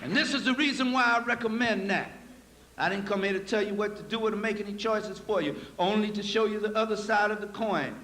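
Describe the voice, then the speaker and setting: A man lectures a live audience in a high, bright voice, folksy and preacherly. He drops low for asides and climbs to forceful, emphatic points. The recording carries an echoey hall with faint noise. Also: a little fast. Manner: folksy, addresses audience as y'all.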